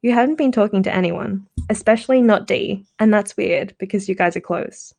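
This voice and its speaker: A woman's voice: mid-range voice, brisk, vocal fry, a little mellow. Woman reading as a blunt, teasing teen girl.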